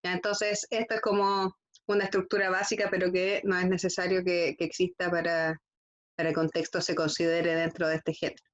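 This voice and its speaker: A woman's voice: lowish voice, flat delivery, brisk, highs cut off. A woman teaching a school lesson, constantly checking in with her students. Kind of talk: classroom lesson.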